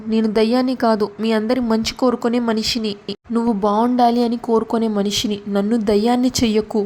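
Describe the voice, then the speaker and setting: A woman's voice: fairly high pitch, little pitch movement, fairly quick, mellow, close to an everyday voice. A woman reading out the lines of a wronged woman who pleads her innocence in a hurt tone. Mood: pleading.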